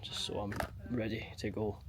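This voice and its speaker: A young Scottish man with a fairly low voice talks casually into a handheld camera. His delivery is chatty and colloquial, in the style of a personal vlog. Clear background noise runs through the recording. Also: level tone, moderate pace. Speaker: vlogger, amateur marathon runner. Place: on the move around a city, partly outdoors. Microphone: handheld action camera.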